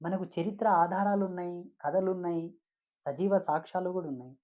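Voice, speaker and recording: A man's voice: sits high, fairly even intonation, brisk, narrow, tinny audio. A man preaching a devotional sermon as a spiritual teacher, emphatic and repetitive, with frequent rhetorical questions.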